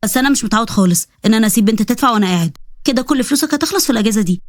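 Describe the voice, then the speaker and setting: A woman's voice: fairly high pitch, animated, rapid-fire, no echo, natural voice. A woman voicing a proud, sarcastic young man with an Egyptian accent, speaking in a dry, wry manner.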